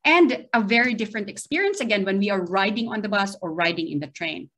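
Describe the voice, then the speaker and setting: A middle-aged woman with a Filipino accent, from the Philippines, lectures a university seminar from a small video-call window. Her medium-pitched, fairly bright voice is animated and quick, though hesitant, with frequent "right?" check-ins.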